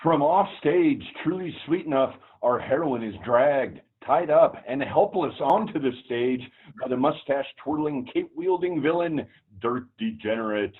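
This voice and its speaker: A man's voice: mid-range voice, animated, moderate pace, breathy edge. A man giving scripted narration, reading out stage directions. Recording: tinny, phone-like online audio.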